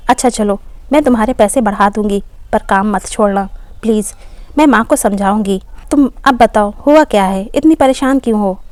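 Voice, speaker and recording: A woman's voice: mid-range voice, normal speed, darkish tone, no echo, natural voice. A woman voicing a tired working daughter, exasperated and pleading with her mother and maid. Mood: coaxing. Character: weary young working daughter, tearful and frustrated.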